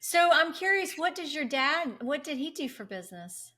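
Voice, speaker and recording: Bright-voiced woman host. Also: high voice, very animated, moderate pace. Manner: encouraging, short backchannels. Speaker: podcast host. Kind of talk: interview host.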